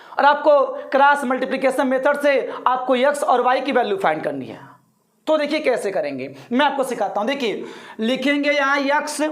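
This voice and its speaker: A man's voice: extremely high pitch, fairly bright tone. A man teaching a math lesson online, reassuring his pupils and keeping them engaged with repeated questions. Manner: repeats steps slowly for pupils to say along.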